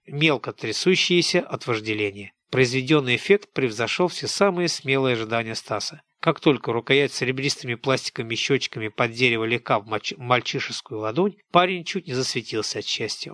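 A man narrating an audiobook in scripted, expressive storytelling narration. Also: medium pitch, no room sound.

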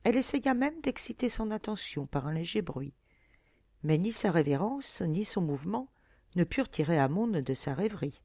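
A woman narrating an audiobook with expressive storytelling. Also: lowish voice, normal speed, no room sound. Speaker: audiobook reader.

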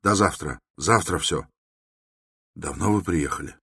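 A man's voice: sits low, measured pace, creaky, sharp tone, breathy edge, no echo, clean studio sound, heavily acted. A man reading an audiobook who voices a feverish, irritable young man speaking curtly and with strain.

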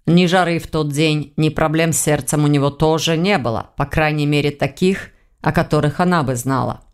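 A woman voicing a calm, thoughtful man investigator in an audiobook, dropping her voice and slowing down. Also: clean tone, close to an everyday voice. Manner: slow, lowered, measured delivery.

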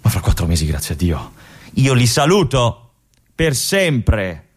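An actor performing a stage monologue as a restless young army lieutenant stuck in a remote fortress. His husky voice often drops to a whisper. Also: mid-range voice, big pitch swings, unhurried. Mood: bitter. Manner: introspective, swings between hushed musing and agitated outbursts. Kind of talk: theatrical monologue broadcast on radio.

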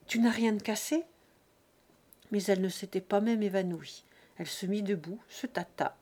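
A woman narrating a classic novel as an audiobook, in measured, expressive phrasing with short breath groups. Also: mid-range voice. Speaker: audiobook reader.

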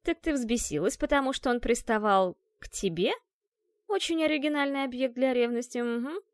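A sarcastic, drawling cat-girl, put on by a woman narrator for a storybook reading. Her voice swings widely in pitch and sits close and dry on the mic. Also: animated, normal speed, no echo, close to an everyday voice. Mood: mocking. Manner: drawling, mocking. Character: sly sarcastic cat-girl guard, mocking, teasing.

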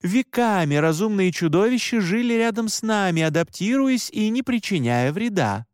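A man's voice: sits high, big pitch swings, normal speed, clear, resonant tone, no echo, studio quality, voice pushed up. A man voicing a stern, blunt female monster hunter in an audiobook, firm and lecturing. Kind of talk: audiobook character voice.

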